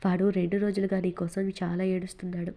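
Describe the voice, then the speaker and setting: Bossy, teasing young man in a storybook romance, read by a woman narrator, mellow and warm. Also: lowish voice, little pitch movement, brisk. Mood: reassuring. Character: commanding, teasing, protective young man, a boss.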